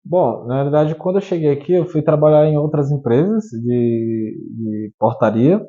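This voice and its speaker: A man's voice: on the high side, normal speed, phone-quality sound. A man in his thirties from Piauí in Brazil, telling his life story as an interview guest, hesitant and full of restarts. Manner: hesitant, many restarts and fillers. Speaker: guest, entrepreneur.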